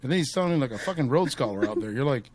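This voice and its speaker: A man's voice: medium pitch, expressive, rapid-fire, over a noisy crowd. A man co-hosting a podcast in casual chat, joking animatedly and slipping into Spanish. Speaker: podcast co-host.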